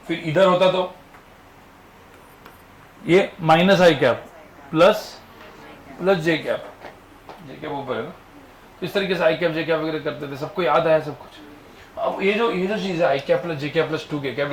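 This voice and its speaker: A male physics teacher giving a classroom lecture, firing constant questions at his students. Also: on the high side. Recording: echoey classroom with faint ambience.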